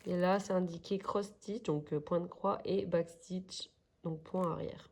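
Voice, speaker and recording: There's a slight hiss or hum as a French-accented woman unboxes craft kits for her crafts vlog. Her voice is lowish, steady, and a little mellow, and her casual chatter is slow, hesitant, and packed with fillers.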